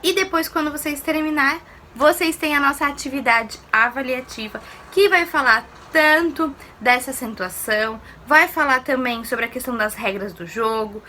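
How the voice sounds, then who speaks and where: Woman teacher, high voice, patient step-by-step lesson, faint hiss behind. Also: moderate pace, bright, forceful tone. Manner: patient, explains step by step, asks pupils questions. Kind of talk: recorded lesson for primary pupils.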